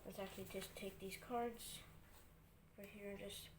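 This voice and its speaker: A woman presents card tricks in informal magician patter. Her voice sits at an average pitch as she explains each move step by step like an amateur tutorial. The recording carries some faint background noise. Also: steady tone, moderate pace.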